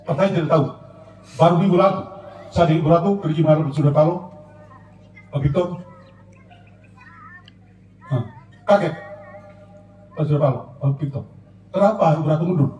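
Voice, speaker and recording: A middle-aged man with an Eastern Indonesian Sumba accent gives a halting, emotional personal account as a husband, full of repetitions and murmured fillers. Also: fairly high pitch, mellow, highs cut off. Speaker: husband giving a public clarification. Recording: distant, echoey room with faint noise.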